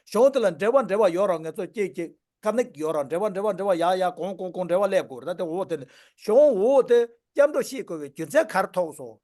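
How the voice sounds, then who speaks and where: A man teaching a Buddhist dharma class, reading and explaining a text in measured phrases. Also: high-pitched, animated, darkish tone.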